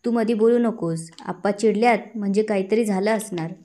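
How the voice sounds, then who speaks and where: A woman reading the lines of a sharp-tongued village mother who snaps in rural speech. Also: mid-range voice, moderate pace, close to an everyday voice.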